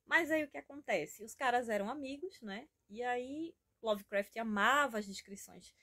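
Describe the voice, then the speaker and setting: A woman's voice: fairly high pitch, moderate pace, bright, forceful tone. Chatty Brazilian woman vlogging about books. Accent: Brazilian Portuguese. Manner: chatty and enthusiastic, rambling with frequent tag questions. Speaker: book vlogger. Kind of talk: casual homemade reading vlog. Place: at home.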